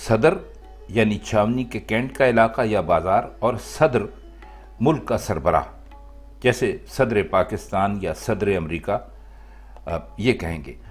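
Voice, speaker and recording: A man giving a measured, deliberate lesson on correct word usage, pausing briefly now and then. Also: on the low side, faint music behind. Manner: measured and deliberate, with short pauses and "uh" fillers. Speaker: language teacher.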